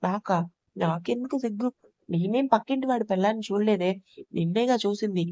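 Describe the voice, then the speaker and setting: A woman's voice: medium pitch, fairly quick, warm tone, no room sound, clean studio sound, natural voice. Teasing, bossy young husband, as a woman puts him on. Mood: mocking. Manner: mocking, bossy.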